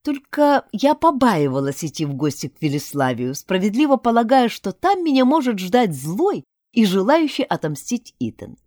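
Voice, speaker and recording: A woman giving an expressive first-person audiobook narration, acting out the dialogue, close on the mic. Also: mid-range voice, moderate pace, few pauses, dry recording. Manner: lively, acts out dialogue.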